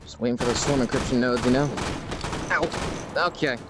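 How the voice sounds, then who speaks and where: A man hosts a gaming video with casual let's-play commentary at normal speed, and the recording is very noisy. He rambles, mocks himself, reacts aloud to the game and to chat, and lets out high, panicked yelps when under fire.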